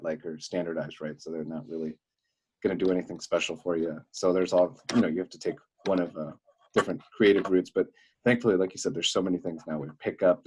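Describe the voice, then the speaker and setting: A man's voice: sits low, breathy edge. A young man co-hosting a podcast, chatting casually and telling stories with lots of fillers. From Wisconsin. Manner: chatty storyteller, many fillers. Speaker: podcast co-host. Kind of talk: casual chat.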